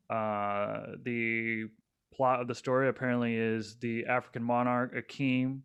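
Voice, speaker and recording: A man's voice: medium pitch, clear, resonant tone. A young man co-hosting a casual podcast, rambling with lots of fillers and restarts. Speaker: podcast co-host.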